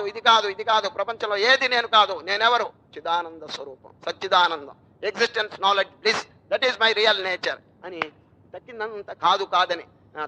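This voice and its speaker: A man's voice: sits high, bright, forceful tone, poor audio. An older man with a Telugu accent giving a devotional discourse as a swami. He poses questions to his listeners, answers them himself, and acts out the story's dialogue. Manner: acts out dialogue and chants Sanskrit verse slowly.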